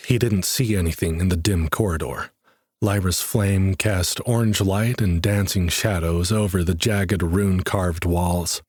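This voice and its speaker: Deep, husky male audiobook narrator. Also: dry recording, clean studio sound. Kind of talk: scripted narration.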